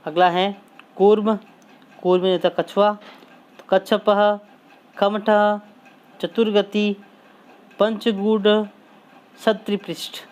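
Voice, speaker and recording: A man teaching as he reads out lists of words slowly and deliberately, one by one, pausing between each. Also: high-pitched, flat delivery, a little mellow. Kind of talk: slow lesson reading word lists.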